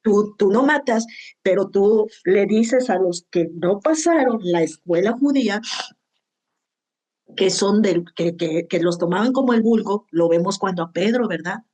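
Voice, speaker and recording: A woman's voice: mid-range voice, dark tone. A woman giving heartfelt Bible teaching to a women's group, often asking "¿verdad?". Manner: heartfelt, tags lines with "¿verdad?".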